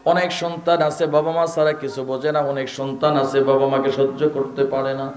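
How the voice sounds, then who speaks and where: A man's voice: medium pitch, level tone, moderate pace, echoey room, a crowd in the background. A man preaching an emotional sermon, rising and repeating phrases and chanting verses in a melodic sing-song.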